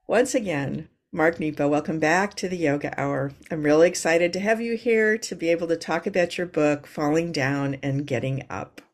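A woman speaking as a host, introducing an interview in a measured, articulate delivery. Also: deep voice. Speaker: podcast host.

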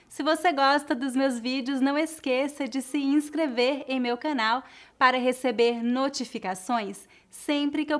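Brazilian woman language teacher, slightly high voice, slow deliberate drilling delivery. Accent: Brazilian Portuguese. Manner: carefully enunciated, repeats example words for drilling. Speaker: Portuguese teacher. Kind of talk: slow, clear language lesson.

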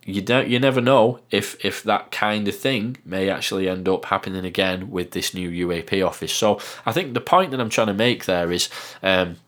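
A man's voice: deep voice, normal speed, a bit bright. A middle-aged man with a northern English accent, hosting a podcast in a rambling casual monologue full of fillers and restarts. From northern England. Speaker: podcast host.

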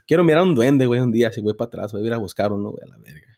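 Animated Chicano man swapping slangy stories. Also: mid-range voice, rapid-fire. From Mexican-American, California. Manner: slangy, profane, storytelling. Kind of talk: casual bilingual chat, Spanish with English slang.

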